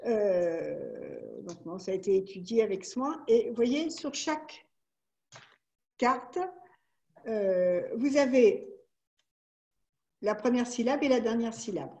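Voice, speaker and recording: High-voiced woman explaining educational games. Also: huge pitch swings, slow pace, gravelly, long pauses, warm tone. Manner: patiently walks through game rules step by step. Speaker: webinar presenter demonstrating educational games. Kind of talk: explaining a product webinar.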